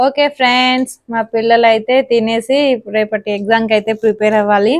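Mother and vlog host: rapid, chatty, soothing with her kid, slightly high voice. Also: level tone, no room sound. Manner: chatty, leans heavily on filler words; coaxing and soothing with her child. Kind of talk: casual family vlog chat. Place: home, indoors.

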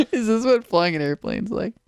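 Gravelly, animated young man gaming. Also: sits high, no echo. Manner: jokey, excitable, bursts into laughs and yells. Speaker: co-host, video game player. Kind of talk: casual let's-play commentary.

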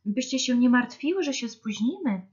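A gentle young girl deer, as a woman reading aloud plays her, speaks softly and a little higher than plain talk, sounding careful. The recording is dull. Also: expressive, moderate pace, breathy edge. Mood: worried.

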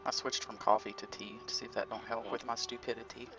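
A man gaming with friends who swears casually and gives quick tactical calls. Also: medium pitch, flat delivery, music in the background, rough recording. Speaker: teammate in a gaming stream.

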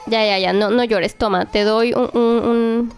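A young woman narrating her doll play in a lively, exclamatory way, talking to the toys like a babysitter. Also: a little high, measured pace, faint music behind. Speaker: toy play vlogger.

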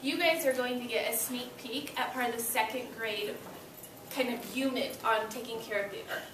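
A young woman teaching primary school reads aloud to small children in her classroom, her high voice encouraging as she gives simple, short instructions at normal speed. A far-off camera picks her up in an echoey room with loud background noise.

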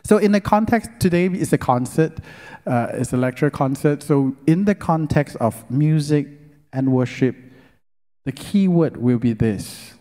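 Long hall reverb fills a large worship hall as a middle-aged man gives a sermon-like talk at a church lecture concert. His voice is a little high, expressive and dark, set at a measured pace, and he stretches key words with earnest emphasis while leading call-and-response.

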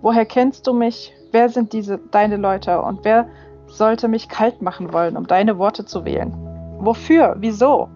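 A woman's voice: medium pitch, a little slow, warm tone, close to an everyday voice. Woman voicing a wary young male angel. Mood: insistent. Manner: earnest, questioning. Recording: slightly dull with faint music.

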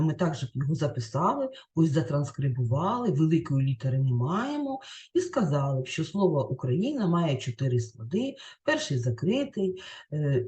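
A woman teacher giving a recorded lesson over slides, explaining in a clear, carefully enunciated way and reading lists out word by word. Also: deep voice, mellow.

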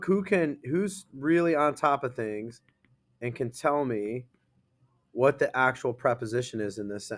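A man's voice: medium pitch, fairly bright tone. Man teaching a classroom grammar lesson. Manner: reads sentences aloud slowly, checks with students often.

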